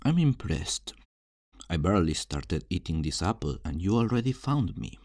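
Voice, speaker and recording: A man plays a cocky, flirtatious thief in a fantasy roleplay, speaking straight to the listener in a low, darkish, sing-song full character voice at normal speed. Teasing, amused and smugly self-assured, he is theatrical and uses endearments. The recording is dry with clean studio sound.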